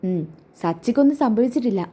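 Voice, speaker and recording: A blunt young man shares bad news offhandedly, as a woman plays him. The voice is dark and soft, pitched a touch high. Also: expressive, quick pace, slightly rough.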